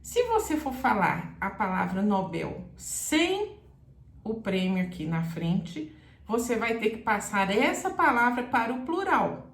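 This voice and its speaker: Slow-spoken woman teaching grammar. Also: a little high, big pitch swings. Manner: slow, careful, explanatory. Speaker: Portuguese teacher. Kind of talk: grammar lesson to camera. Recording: echoey room.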